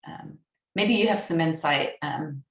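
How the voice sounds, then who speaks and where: A woman's voice: sits low, unhurried, vocal fry. Hesitant woman on a distant, echoey call. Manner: hesitant, many fillers and restarts. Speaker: workshop participant. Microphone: video call. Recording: roomy, distant call audio.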